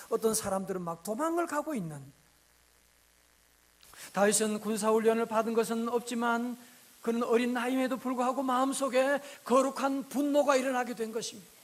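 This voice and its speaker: Male pastor, very high voice, lively storytelling sermon. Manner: lively storytelling with rhetorical questions to the congregation.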